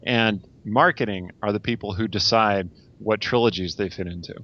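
A man's voice: on the low side, moderate pace, fairly bright tone, dull audio. A man, a novelist guest, chatting casually on a podcast with lots of ums and a self-deprecating humor.

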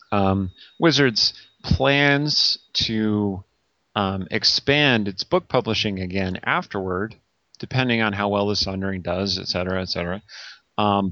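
A novelist guest chats about his books in an easygoing, self-mocking way. He is a man with a fairly low voice, full of ums and small laughs. His sound is dull and lo-fi. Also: a bit bright, dry recording. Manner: chatty, self-deprecating, lots of ums. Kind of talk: casual podcast chat.

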